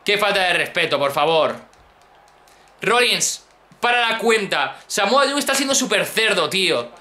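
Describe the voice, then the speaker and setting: Excitable high-voiced Spanish gamer. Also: male voice, moderate pace, echoey room. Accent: Peninsular Spanish. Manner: excitable, exclaims and repeats phrases, addresses viewers. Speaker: gaming YouTuber. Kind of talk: excited let's-play commentary.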